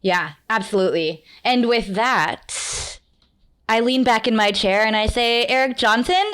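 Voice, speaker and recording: A woman speaks as a podcast co-host. She sounds warm and enthusiastic and teases the guests with a playful touch. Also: a little high, a little slow, smooth. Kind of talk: casual podcast chat.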